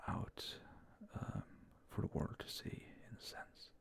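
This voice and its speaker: A male ASMR video maker speaks in a soft, hesitant whisper, breathy and creaky, very near a close ASMR mic topped with a fluffy cover. The delivery is casual and rambling, slow and mindful, with a self-effacing manner.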